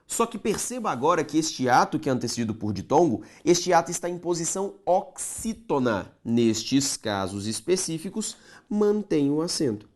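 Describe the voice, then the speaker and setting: A man's voice: on the high side, very animated, moderate pace, darkish tone. A man teaching a grammar lesson, stretching key words and checking in with the viewer.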